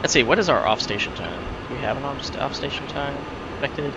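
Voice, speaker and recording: A man's voice: medium pitch, brisk, lo-fi sound. A man giving casual gameplay commentary as a flight lead, muttering to himself and mixing in military brevity calls. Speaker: flight sim player and flight lead. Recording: noisy, steady vehicle-like drone behind.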